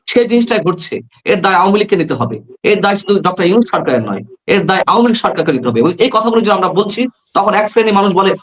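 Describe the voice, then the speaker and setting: A middle-aged man makes his case with mounting passion, piling up rhetorical questions. His voice sits notably high for a man. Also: a bit bright, low-quality recording. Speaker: journalist guest. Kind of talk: political talk show argument.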